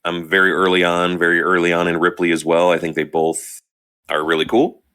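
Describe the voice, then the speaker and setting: Man, deep voice with a bright edge, rambling, casual, swears easily. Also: little pitch movement, brisk, clear, resonant tone. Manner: rambling, many fillers and restarts, swears casually. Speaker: podcast co-host. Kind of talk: casual chat.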